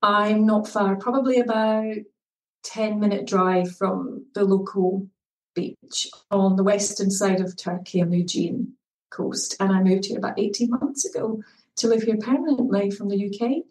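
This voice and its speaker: A woman's voice: mid-range voice, steady tone, normal speed, darkish tone, distant mic. A Scottish woman in her thirties, a well-being coach talking earnestly and reflectively as a podcast guest. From Scotland. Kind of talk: podcast interview. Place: home in Turkey, remote call. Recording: echoey room, off-mic, faint music.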